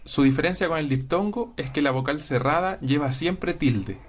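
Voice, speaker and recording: A man teaching a grammar lesson, explaining slowly and clearly and sounding out words syllable by syllable. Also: fairly high pitch, slight background noise.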